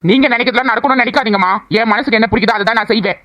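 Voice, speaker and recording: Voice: medium pitch, rapid-fire, bright, forceful tone, dull audio, lightly acted. A voice actor as a lovesick, defiant young man. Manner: earnest, pleading, defiant. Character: lovesick young man defying his family. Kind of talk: animated cartoon drama voice acting.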